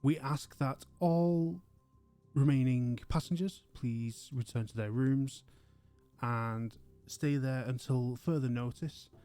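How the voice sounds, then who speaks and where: A man voicing a malfunctioning ship computer that makes slow, loud announcements and glitches into stuttering repeats. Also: medium pitch, smooth, faint music behind. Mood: glitching. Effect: glitching robotic voice, stuttering repeats.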